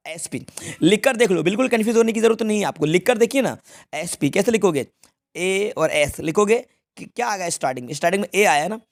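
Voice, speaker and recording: Young guy teacher quizzing his students over and over, higher voice, dry close sound. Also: no room sound. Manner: drills students with repeated questions. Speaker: English teacher. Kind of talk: Hindi-language grammar lesson.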